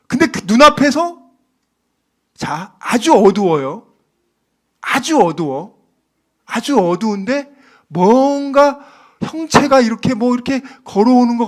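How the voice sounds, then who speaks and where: A middle-aged male pastor preaching an early-morning sermon, putting emphatic questions to the congregation and acting out scenes with sound words. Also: sits high. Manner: acts out scenes with sound words and quoted voices.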